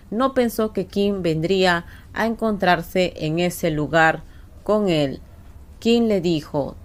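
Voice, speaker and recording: A woman telling a series episode as a story, reading every part in a steady voice. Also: mid-range voice. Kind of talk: story recap narration.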